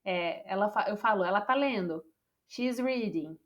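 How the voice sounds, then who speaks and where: A woman's voice: medium pitch, lively intonation, normal speed, lo-fi sound. A woman with a Brazilian Portuguese accent, teaching an English class online on a video call and explaining patiently. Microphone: computer microphone on a video call.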